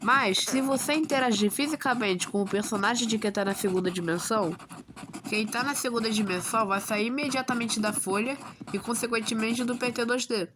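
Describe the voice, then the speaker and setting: A woman's voice: on the high side, a little fast, noisy background. A woman with a Brazilian accent and a slightly odd, swollen sore-throat voice, narrating a scripted explainer with casual asides. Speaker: video narrator explaining fictional lore.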